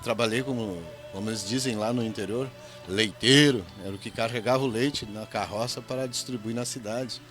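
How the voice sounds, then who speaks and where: A middle-aged man with a gaúcho Brazilian accent, speaking as a guest on a radio interview. He tells stories in a folksy, joking way. His voice sits at an ordinary pitch, with faint music underneath. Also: brisk, a bit bright. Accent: Gaúcho Brazilian Portuguese. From Rio Grande do Sul, Brazil. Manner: folksy storytelling with jokes. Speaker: evangelist guest.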